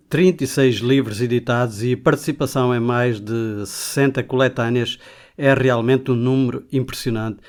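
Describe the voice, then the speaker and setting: A man hosting a radio interview, rambling a little and repeating words as he finds his phrasing. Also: medium pitch. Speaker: radio host.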